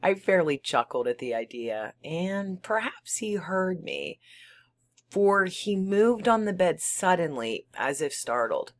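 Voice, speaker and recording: A performer voicing an unhinged murderer who insists on being sane, in a theatrical, halting, gleefully confiding dramatic reading of a gothic horror story. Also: medium pitch, big pitch swings. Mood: gloating, secretive. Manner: halting, theatrical, emphatic, breaking into whispers and chuckles.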